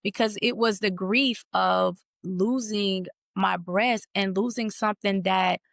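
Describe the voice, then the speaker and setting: Gravelly-voiced woman recalling hard times. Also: medium pitch, slow, no echo, clean studio sound. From United States. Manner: reflective, steady storytelling. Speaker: podcast guest. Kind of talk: emotional personal conversation.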